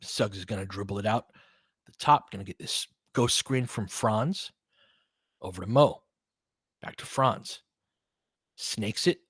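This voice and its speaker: A man with a fairly low, husky, somewhat bright voice calls a basketball game live, unhurried and pausing often, in a studio-quality recording without room sound. His play-by-play comes in short, chopped-up phrases, and he makes no secret of cheering for his team.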